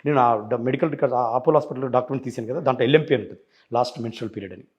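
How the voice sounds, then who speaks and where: A man's voice: medium pitch, racing, darkish tone. A man in an interview, recounting events insistently and acting out quoted dialogue in other voices. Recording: dull lo-fi recording.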